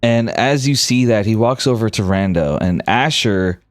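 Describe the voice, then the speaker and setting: A man's voice: fairly low pitch, animated, moderate pace, no room sound. A man narrating a tabletop game casually as game master.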